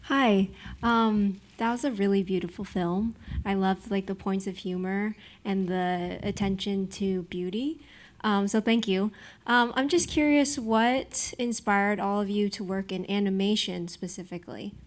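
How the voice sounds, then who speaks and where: A woman's voice: medium pitch, steady tone, a little slow. Woman in the audience asking a nice polite question. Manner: polite, admiring.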